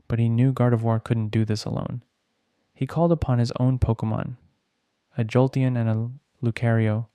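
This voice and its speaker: Mellow, smooth male bedtime storyteller. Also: mid-range voice, no room sound, studio quality. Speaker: storyteller, narrator. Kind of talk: slow bedtime story narration.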